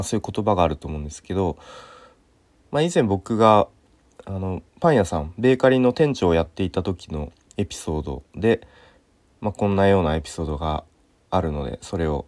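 Deep-voiced man with a stuffy nose. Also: dry recording. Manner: relaxed, unhurried, heavy use of fillers. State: slightly sore throat and stuffy nose. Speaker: podcast host. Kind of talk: casual solo talk.

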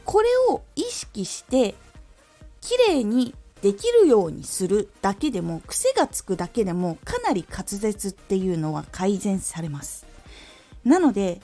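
Lively woman teaching diction. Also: medium pitch, measured pace, soft background music. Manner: lively teacherly delivery with clear articulation demos. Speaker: former voice actor, audio-stream host. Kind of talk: instructional talk on diction.

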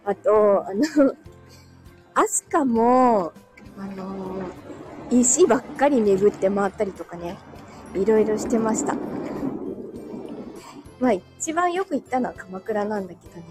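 A woman hosting a livestream talks with viewers in a casual, polite way, laughing a lot, as she walks uphill on a narrow street outdoors. She's a bit out of breath because she's recovering from illness. Her animated mid-range voice is darkish in tone, a little slow, and full of pauses, with faint music behind her.

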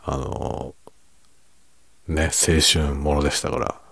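A middle-aged man in a quiet, rambling, self-deprecating late-night monologue meant for falling asleep, in a hushed voice that often drops toward a whisper. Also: a bass voice, level tone, takes it slowly, gravelly, breathy edge, dry recording, studio quality. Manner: self-deprecating, rambling, chuckling under his breath. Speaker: fiction writer chatting to listeners.

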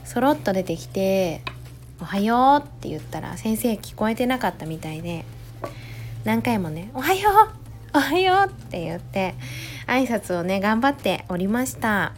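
A woman in her thirties, a mother, talking in a gentle, chatty way in a casual solo audio diary, close to the mic. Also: mid-range voice, expressive, moderate pace, a little hiss or hum. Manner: gentle, chatty, many soft "ne" tags. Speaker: podcast host, mother of a preschooler. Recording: faint music behind voice.

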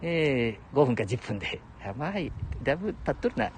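A mid-range male voice with big pitch swings moves at a brisk clip as this seventy-something livestream host rambles in Nagoya-area Japanese. Chatty and laughing often, he mostly talks to himself. There is slight background noise.

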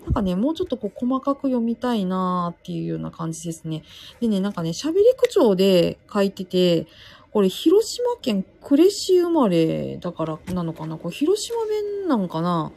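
A woman's voice: medium pitch, moderate pace, gravelly. A middle-aged woman talking casually about books she has read, chatty and full of fillers. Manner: chatty, many fillers, lively swings in loudness. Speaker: podcast host reviewing books. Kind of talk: casual solo talk.

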